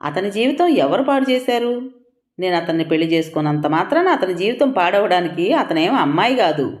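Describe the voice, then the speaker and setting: A sharp-tongued young woman chasing status, mocking and unapologetic, as a female storyteller puts her on. Her lines swing up and down, set in a roomy, echoing space for an audio storybook. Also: fairly low pitch, sing-song, a little fast. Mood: defiant. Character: young woman, ambitious, status-hungry, bluntly sarcastic.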